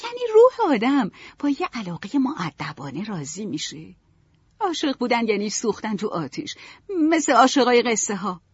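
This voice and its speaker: A woman's voice: fairly high pitch, very animated, breathy edge, pitched above the performer's own voice, heavily acted. A woman voicing a passionate, dramatic young woman in a storybook reading, talking in sweeping, emotional bursts. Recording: dull, dry, lo-fi.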